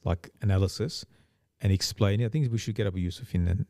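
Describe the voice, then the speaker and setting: A man co-hosting a podcast, talking in a rambling casual way with many restarts and quick agreement. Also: on the low side, warm tone, dry recording, clean studio sound. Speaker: podcast co-host. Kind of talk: casual chat.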